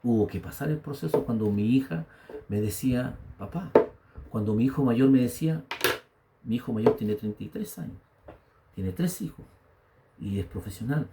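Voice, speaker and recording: A man's voice: medium pitch, lively intonation, normal speed, creaky, heavy background noise. A man in his fifties with a Chilean accent, a pastor telling his own story in a sermon and building to emphatic exhortation. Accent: Chilean Spanish.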